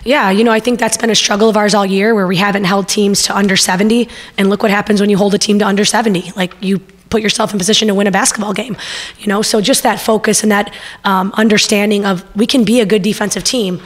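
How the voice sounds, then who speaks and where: The speaker is a middle-aged woman, a head coach at a postgame press conference, talking fast at medium pitch into a table mic. Her delivery is steady and earnest, full of fillers, with long press-room reverb on the audio.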